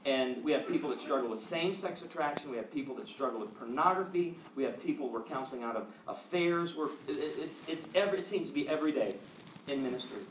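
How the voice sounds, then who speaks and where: A middle-aged male pastor preaching a sermon, telling personal stories with animated, acted-out quotes. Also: mid-range voice, fast talker. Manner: animated storytelling, acts out quotes. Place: church sanctuary. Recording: echoey hall, mic at a distance, audience noise.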